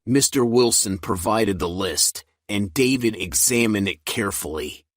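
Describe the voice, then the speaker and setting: A man reading a simple story aloud in a clear, even way for English learners. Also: on the low side, a little slow, no echo. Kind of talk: slow storybook narration for learners.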